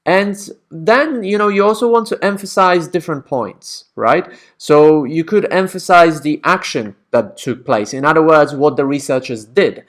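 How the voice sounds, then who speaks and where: A man's voice: fairly high pitch, normal speed, few pauses. A man teaching academic writing in a casual, conversational way, often checking in with the listener. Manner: conversational, checks in with frequent "right?".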